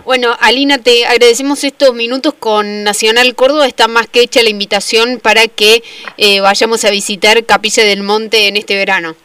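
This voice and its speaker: A woman's voice: a little high, steady tone, moderate pace, bright, forceful tone, clear, resonant tone, dry recording, far from the mic. A woman with an Argentine accent, a radio host asking questions in a friendly, chatty way. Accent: Argentine Spanish. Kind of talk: radio interview.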